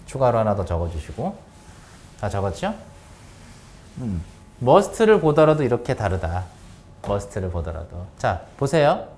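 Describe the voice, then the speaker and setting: A male English teacher walks students through a grammar point. His pitch rises and falls with lots of movement. He keeps asking whether they understand, and he slows right down to read example sentences. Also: very animated, a little mellow. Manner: talks to students with frequent check-in questions, reads example sentences slowly. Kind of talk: grammar lesson lecture.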